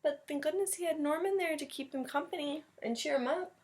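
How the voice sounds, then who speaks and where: Speaking a little fast in a high, slightly mellow voice, a teacher gives a lively read-aloud of a storybook. She breaks off for casual, encouraging comments phrased simply for kids.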